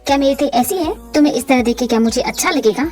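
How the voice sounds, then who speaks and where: A gentle young husband as a woman lowers her voice to play him talks in soft, reassuring tones, still fairly high for a man. Faint music plays under this fan-dubbed romantic audio drama. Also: animated, quick pace. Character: gentle young husband comforting his wife.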